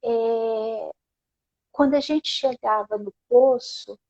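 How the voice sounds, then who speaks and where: A high-pitched woman takes her time, speaking gently and leaning on little questioning tags as she shares spiritual reflections. The audio is dull and lo-fi, as over a video call. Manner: soft, unhurried, tags phrases with "né?". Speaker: guest therapist. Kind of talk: casual spiritual conversation.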